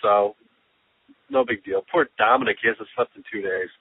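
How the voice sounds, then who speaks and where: Over a muffled, lo-fi phone line, an American podcast host rants sardonically and rambles while chatting casually with a friend, sounding a bit congested and short of breath. His fairly low voice swings hugely in pitch at a normal speed, with vocal fry, a breathy edge, and no room sound.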